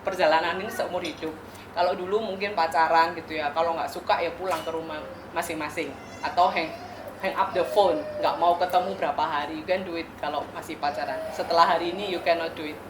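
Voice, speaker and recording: A woman pastor delivers a wedding sermon in a lowish, steady voice at a brisk pace, with a noisy background. Speaking in a church or wedding venue, she explains her points with rhetorical questions and light playful asides, and the echoey space carries faint ambience.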